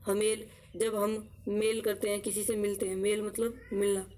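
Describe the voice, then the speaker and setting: In this rough recording, a woman with a mid-range, slightly mellow voice and flat delivery teaches an exam-prep lesson. She drills terms with memory tricks, repeating words and explaining slowly as she poses questions and answers them herself.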